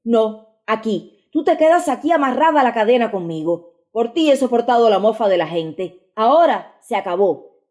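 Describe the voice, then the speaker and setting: Brief: woman reader doing an angry domineering young peasant husband, barking orders, pushed up high. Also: lively intonation, normal speed, lightly acted. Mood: furious, commanding. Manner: shouting threats and orders.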